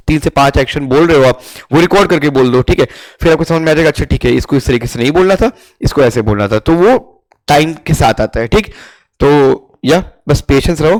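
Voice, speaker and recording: A young man with an Indian accent teaches in an easy, conversational way, switching between Hindi and English. He reads English phrases out slowly and keeps checking in with the listener. His voice sits a little above the usual pitch for a man. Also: rough recording. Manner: conversational, keeps asking "theek hai?". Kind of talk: Hinglish teaching monologue.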